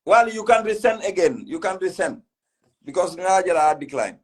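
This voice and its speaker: A man's voice: high voice, expressive, moderate pace. A man with a West African accent hosting a casual political live chat, speaking emphatically and repeating his phrases. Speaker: host of a political live stream. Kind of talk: casual political live chat, mixing English with a local language.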